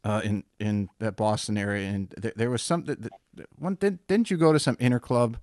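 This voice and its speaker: A man's voice: on the low side, a little fast, a little mellow, no echo, clean studio sound. A man hosting a podcast, asking rambling, searching questions in a casual interview. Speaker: podcast host.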